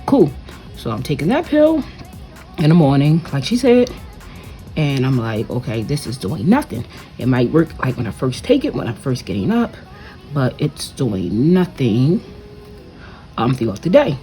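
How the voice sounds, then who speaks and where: A woman's voice: very deep voice, sing-song, a little slow, pauses often, mellow, soft background music. A woman vlogger telling a rambling story in casual chat while doing nails, with lots of "like" fillers. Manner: rambling, conversational, many "like" fillers. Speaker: nail vlogger.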